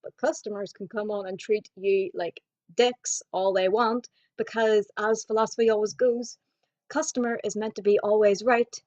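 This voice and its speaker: A woman's voice: medium pitch, fairly even intonation, normal speed, darkish tone. A young woman, ranting bluntly and swearing a lot in a casual vlog. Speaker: vlogger. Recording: dull lo-fi home video audio.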